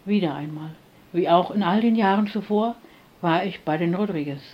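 A woman narrating a first-person story in a soft, calm reading voice. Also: fairly low pitch, normal speed, lo-fi sound. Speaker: audiobook narrator.

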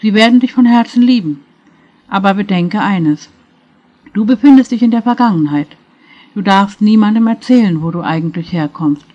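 A gentle, patient middle-aged man, voiced by a woman narrator speaks with quiet earnestness in a storybook reading. The delivery is warm in intent but plain, a little louder than the narration. The recording sounds slightly dull. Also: mid-range voice, animated, normal speed, close to an everyday voice. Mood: earnest. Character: gentle middle-aged male spirit guide, patient and kind.

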